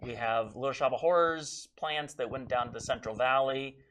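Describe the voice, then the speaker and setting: An American man with an average-pitched voice answers interview questions. He is a working puppeteer and speaks in an informal, jokey way. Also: moderate pace, a bit bright.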